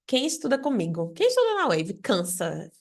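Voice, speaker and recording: A Brazilian woman giving an online English lesson, speaking directly to the viewer and asking lively questions. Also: mid-range voice, moderate pace. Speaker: English teacher.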